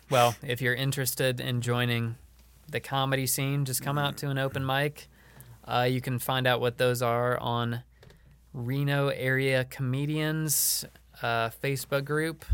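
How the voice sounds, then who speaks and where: A man's voice: medium pitch, fairly bright tone, smooth, no room sound. A man chatting casually as a podcast guest, rambling with lots of fillers and frequent laughs. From Illinois. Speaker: podcast guest, comedian and show producer.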